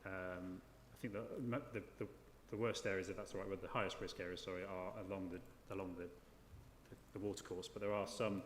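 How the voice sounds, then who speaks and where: A man's voice: low-pitched, little pitch movement, a little fast. A man chairing a formal public hearing, putting questions in a hesitant, repetitive way. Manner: hesitant, often repeating words as he phrases questions. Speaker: planning inspector chairing an inquiry. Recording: echoey hall with clear background noise.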